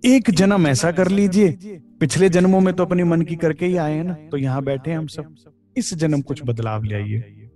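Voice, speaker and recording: Male spiritual speaker, mellow tone, explains scripture and laughs lightly, faint music underneath. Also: a little high, normal speed. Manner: explains scripture, quotes verses, chuckles often. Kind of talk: devotional discourse.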